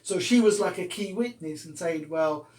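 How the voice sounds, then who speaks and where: Stammering radio host, roomy sound. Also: male voice, high-pitched, moderate pace, recorded from a distance. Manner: repeats words and restarts often, animated when stressing points. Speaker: radio talk show host. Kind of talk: casual community radio chat.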